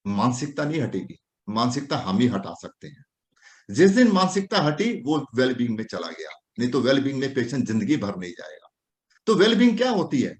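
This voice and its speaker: A man teaching homeopathy in a classroom lecture, talking straight to his students in an animated way. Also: medium pitch. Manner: animated, addresses students directly. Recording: echoey room.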